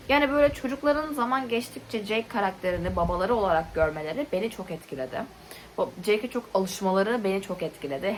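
A young woman vlogging casually about her monthly reading, ranting with exasperation and interrupting herself with quick asides. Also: slight background noise. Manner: animated, exasperated ranting with rising pitch. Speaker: book vlogger.

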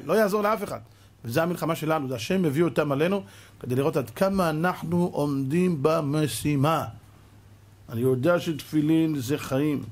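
Fiery, husky-voiced middle-aged rabbi. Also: male voice, on the high side. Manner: fiery, scolding, acts out quoted voices. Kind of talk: Torah sermon.

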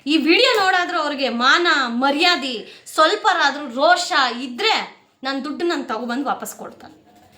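A woman with a high voice vents to her viewers at home, indignant and wounded, close to tears. The home recording is roomy and echoing. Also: expressive, normal speed, sharp tone. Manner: aggrieved, indignant venting to viewers. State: near tears. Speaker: family vlogger. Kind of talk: emotional talk to camera.

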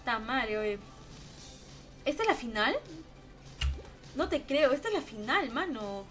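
Bright-voiced peruvian woman streaming games. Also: high voice, unhurried, faint music behind. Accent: Peruvian Spanish. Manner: chatty, swears a lot, bursts into excited yelling. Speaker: gaming streamer. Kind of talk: casual livestream chat while gaming.

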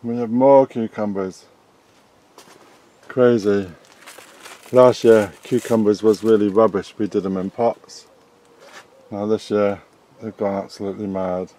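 A middle-aged man with a British accent strolls through his polytunnel and chats about what is growing there. He talks slowly and stays relaxed, in a mellow, darker tone. The camera he films with as he walks picks up his voice. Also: lowish voice. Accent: British English. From England. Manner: relaxed, chatty, unhurried. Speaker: allotment gardening vlogger. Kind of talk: casual garden tour narration. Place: inside a polytunnel on an allotment. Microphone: handheld camera filming as he walks.

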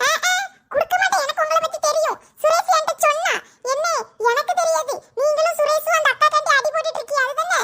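A know-it-all little boy in a cartoon teases and refuses, as a voice actor plays him. He speaks with a Kanyakumari Tamil accent. His voice is very high. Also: steady tone, fast, heavy background noise. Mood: cheeky. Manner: teasing, refusing. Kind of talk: cartoon voice acting.

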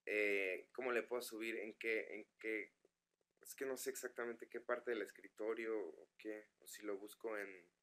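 A man's voice: fairly low pitch, steady tone, unhurried, fairly bright tone. A man with a northern Mexican accent chatting casually with fans on a live webcam stream, stumbling over his words as he reads their messages aloud. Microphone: computer microphone.

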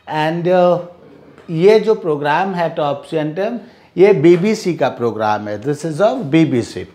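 A man with an Indian English accent teaching a spoken English lesson, mixing Hindi explanation with slow repeated drilling of phrases. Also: on the high side, a little mellow.

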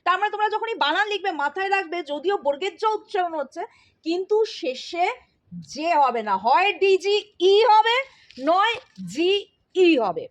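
A woman's voice: very high-pitched, lively intonation, normal speed. A woman teaching an English spelling lesson in Bengali, explaining patiently step by step and often checking that her students follow.

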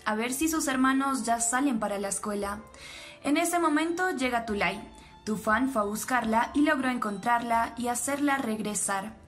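A woman steadily narrating an episode recap, reading the characters' lines plainly. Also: fairly high pitch. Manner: steady storytelling, reads quotes plainly. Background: faint background music.

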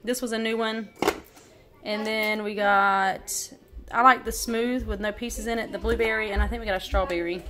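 Filmed on a handheld phone in her kitchen at home, a vlogger in her thirties narrates her groceries in a chatty way, peppering the list with ums and likes. She speaks at a moderate pace in a mid-range, fairly bright voice with fairly even intonation, and soft music plays in the background.

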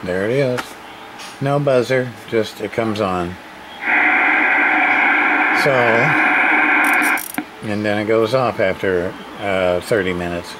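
Slow and often pausing, a man with a lowish voice talks through a radio repair demonstration in short, folksy, offhand fragments. He's at a workshop bench indoors at home, and the recording picks up a noisy room full of static and CB radio noise.

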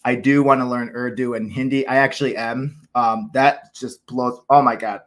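A man's voice: medium pitch, fairly even intonation, normal speed, a bit bright. An American man in his thirties hosting a casual livestream from a small room at home, rambling enthusiastically with lots of fillers and restarts. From United States. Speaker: cricket channel host.

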